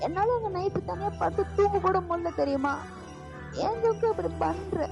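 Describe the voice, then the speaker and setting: Woman voicing a young man, tearful, pleading, very high voice, lo-fi, music behind. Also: lively intonation, moderate pace, gravelly, full character voice. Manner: tearful, begging, repeats his name.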